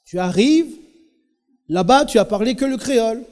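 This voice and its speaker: A man's voice: very high voice, expressive, moderate pace, a little mellow. A male pastor with a French Caribbean accent preaching a sermon, emphatic and storytelling as he addresses the congregation. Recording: long hall reverb.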